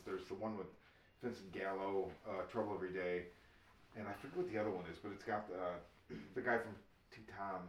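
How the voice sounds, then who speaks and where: A man's voice: fairly low pitch, muffled recording. A man hosting a podcast, chatting casually in a laid-back, easygoing way. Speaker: podcast host. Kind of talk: casual chat. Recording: roomy, distant from the mic.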